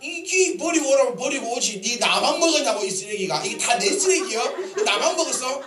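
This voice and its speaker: Bit part: indignant nagging wife, raised pitch, played by a man; echoey church sound. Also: animated, brisk, fairly bright tone. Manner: indignant, snapping complaints. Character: nagging grumbling middle-aged wife.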